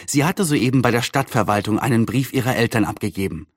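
Calm man narrating an audiobook. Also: mid-range voice, fast talker.

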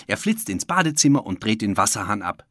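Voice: mid-range voice, very animated, brisk, no echo. A storyteller reads a children's book in a mid-range voice that rises and falls with animation. The sound is close and dry, with no room around it. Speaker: audiobook narrator.

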